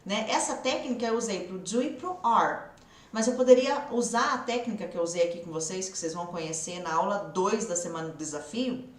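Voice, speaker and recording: A woman's voice: medium pitch, expressive, fairly quick, reverberant, recorded from a distance. A woman with a São Paulo countryside Brazilian accent teaching an online English lesson, coaxing students with drill questions. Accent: São Paulo countryside Brazilian Portuguese. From interior of São Paulo state, Brazil.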